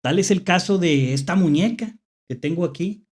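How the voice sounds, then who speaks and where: This Mexican-accented horror host improvises spooky stories at a moderate pace, using a mid-range voice that is a little mellow and slightly rough. Phrases get hesitantly repeated, and rhetorical questions serve as check-ins.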